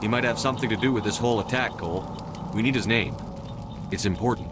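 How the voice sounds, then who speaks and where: A man acting a resolute military commander in a video game. He is direct and authoritative, speaking quickly in a lowish voice over clear music. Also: close to an everyday voice. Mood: firm. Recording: music behind the voice.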